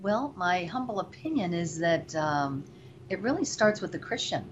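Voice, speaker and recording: Earnest low-voiced woman guest. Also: animated, moderate pace, slight background noise. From Venezuela. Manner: earnest, faith-driven, reflective. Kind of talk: interview talk. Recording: dull lo-fi audio with faint ambience.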